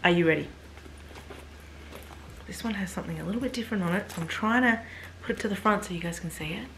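A woman's voice: mid-range voice, quick pace, a bit bright, slight background noise. A woman in her thirties chatting enthusiastically to viewers as she unboxes and reviews a bag. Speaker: fashion vlogger. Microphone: camera mic.

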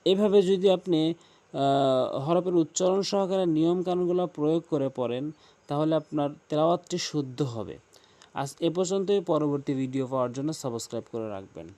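A man teaching correct recitation, giving quick explanations of common mistakes between slow, drawn-out recited words. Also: on the high side, warm tone, no room sound. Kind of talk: tajweed lesson.

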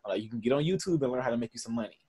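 A man's voice: mid-range voice, lively intonation, very fast, mellow, slightly rough. A man in his twenties with a Southern US accent, speaking earnestly in a conversational interview with many fillers and restarts. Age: 20s. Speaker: camp founder.

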